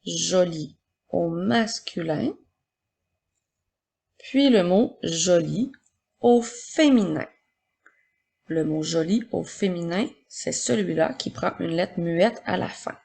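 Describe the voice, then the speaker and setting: A woman teacher with a husky, slightly gravelly voice reads words aloud at an unhurried pace for a children's dictation. She explains each step with patience, as if to first graders. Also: lowish voice, expressive, dark tone. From Quebec, Canada. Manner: slow, patient, explaining step by step to young pupils. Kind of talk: recorded spelling and dictation lesson for children.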